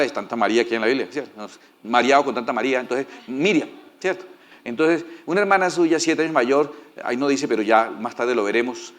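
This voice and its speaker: A man's voice: mid-range voice, fairly bright tone. A male pastor preaching a sermon in a folksy, joking way and often asking the congregation for agreement.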